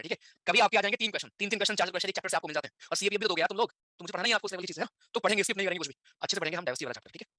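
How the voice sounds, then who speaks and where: A man's voice: high-pitched, pushed and bright, dry recording, studio quality. A man teaching an online class in a chatty, direct way, checking in with students constantly through tag questions.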